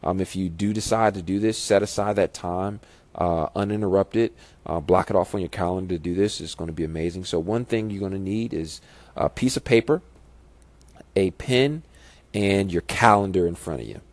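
Guy podcast host w low voice, sounds stuffed up and nasal, chatty coaching, close dry sound. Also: normal speed, dry recording. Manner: encouraging, instructive, addressing listeners directly. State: congested from a stuffy nose. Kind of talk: casual solo podcast advice talk.

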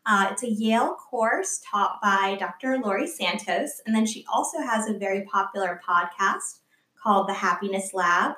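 A woman's voice: mid-range voice, moderate pace, bright, forceful tone. Woman guest explaining, roomy sound. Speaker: podcast guest. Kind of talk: casual interview. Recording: roomy echo.

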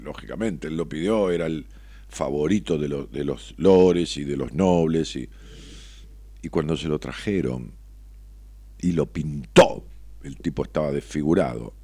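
Middle-aged Argentine man, motivational monologue, expressive and salty, dry close sound. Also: extremely low pitch, a little slow, slightly rough, no room sound. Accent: Argentine Spanish. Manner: expressive, salty, peppered with tag questions. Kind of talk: reflective spoken monologue.

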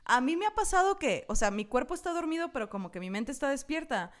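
A woman's voice: sits high, fast talker. A young woman with a Mexican accent, co-hosting a casual chat, telling stories with slang and frequent laughs. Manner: expressive storyteller, slangy, laughs often.

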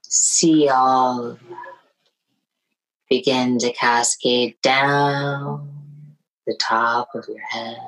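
Very slow, low-voiced woman guiding meditation. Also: steady tone, poor audio. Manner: slow, soothing, hushed. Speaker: meditation guide. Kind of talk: guided meditation.

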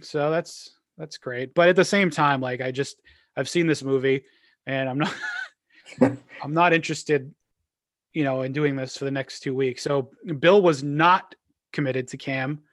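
A man's voice: mid-range voice, steady tone, moderate pace, a bit bright, no room sound, clean studio sound. A man co-hosting a casual sports podcast, rambling through game talk with lots of fillers and restarts. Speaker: podcast co-host.

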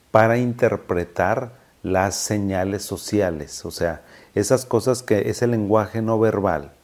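Lively Mexican doctor with a lowish voice. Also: male voice. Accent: Mexican Spanish. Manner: animated storytelling, acting out both sides of a conversation. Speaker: psychiatrist. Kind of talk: casual explanatory talk.

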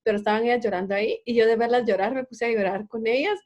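A woman's voice: a little high, quick pace, lo-fi sound. Laughing woman telling stories. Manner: laughing, lively storyteller. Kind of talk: casual chat.

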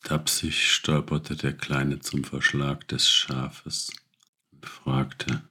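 Deep gravelly guy reading a fable, real slow. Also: little pitch movement, bright, forceful tone. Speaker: narrator. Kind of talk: storybook narration.

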